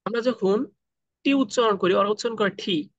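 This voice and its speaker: A man teaching freelancers in an online class, asking the class questions and then answering them himself, with slow, deliberate English phrases mixed in. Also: sits high, no room sound, lo-fi sound. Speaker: freelancing trainer. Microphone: video call.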